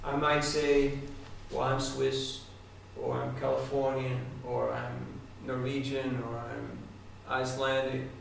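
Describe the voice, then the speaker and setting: This spiritual speaker talks slowly in a monotone, creaky medium-pitched voice with few pauses. His devotional talk to a live audience is conversational and full of direct questions, recorded from a distance in an echoey hall with faint noise.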